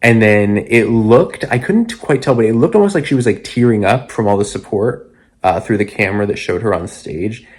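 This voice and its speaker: A man talks through his concert vlog in voice-over, relaxed and chatty, leaning on fillers. His voice sits fairly low. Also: normal speed. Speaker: vlogger. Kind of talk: casual voice-over narration.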